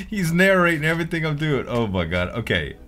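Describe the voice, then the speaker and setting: Lively young man doing gameplay commentary. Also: on the high side, a little fast. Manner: exclamatory, swearing, laughs readily. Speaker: let's play gamer.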